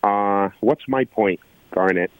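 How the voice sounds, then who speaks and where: A man from Guyana, an electrical engineer, calling in to a talk show and making his point earnestly, with many pauses and fillers. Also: on the low side, clean tone, no room sound, low-quality recording. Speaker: caller. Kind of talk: call-in radio talk.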